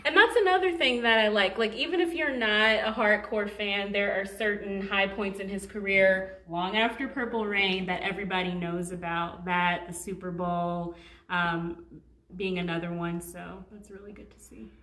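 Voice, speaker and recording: A woman's voice: mid-range voice, fairly even intonation, moderate pace, a bit bright, roomy sound, low-quality recording. Chatty woman reading viewer comments. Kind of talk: casual live-stream chat.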